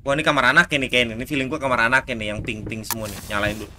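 A man's voice: medium pitch, steady tone, racing, bright, forceful tone. Indonesian man, gaming commentary, jumpy, swears when scared, noisy background. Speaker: gaming streamer. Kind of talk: casual gameplay commentary.

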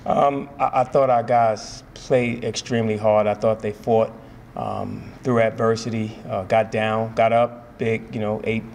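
A head basketball coach in his forties speaks into table microphones at a post-game press conference, set in a press room before a sponsor backdrop. His delivery is measured and steady, full of fillers and repeated phrases. His voice sits on the low side, with slight background noise.

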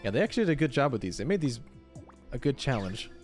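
A man's voice: mid-range voice, very animated, quick pace, faint music behind. A man hosting a gaming video, giving casual, off-the-cuff commentary as he plays. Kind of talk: casual let's-play commentary.

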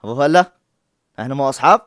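Fast, lively man joking along. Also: mid-range voice, no echo, studio quality. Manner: joking, teasing, quick comments. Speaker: YouTuber reacting to a prank video. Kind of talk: casual reaction commentary.

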